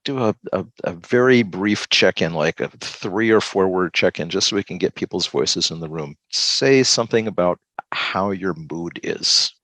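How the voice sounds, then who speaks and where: Low-voiced man hosting a video call. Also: no echo. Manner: relaxed, halting, many fillers. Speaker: host of a group video call. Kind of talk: casual group check-in.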